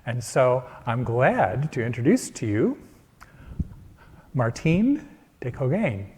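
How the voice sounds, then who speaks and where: A man's voice: medium pitch, very animated, takes it slowly, a little mellow, breathy edge. Man hosting, echoing in a hall. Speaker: church event host. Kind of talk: spoken introduction to an audience. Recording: long hall reverb.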